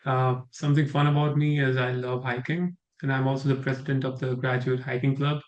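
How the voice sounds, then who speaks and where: A man's voice: mid-range voice, little pitch movement, a little fast. A young man in his twenties from India, introducing himself briefly on a video call. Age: 20s. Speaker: student panelist. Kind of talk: casual introduction. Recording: dull video call audio.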